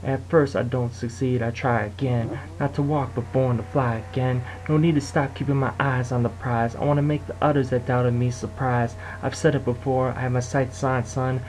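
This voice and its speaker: A man's voice: medium pitch, little pitch movement, normal speed, few pauses, a little mellow, slight background noise, rough recording. Young amateur rapper, man, rhythmic rhyming freestyle delivery, mid-range voice. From Detroit area, United States. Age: young adult. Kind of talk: freestyle rap.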